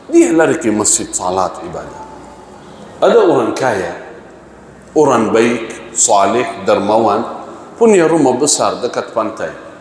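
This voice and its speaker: A man's voice: medium pitch, a little hiss or hum. A man preaching a sermon in a large mosque. He asks the congregation rhetorical questions and acts out the people in his story. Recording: echoey mosque hall, faint ambience.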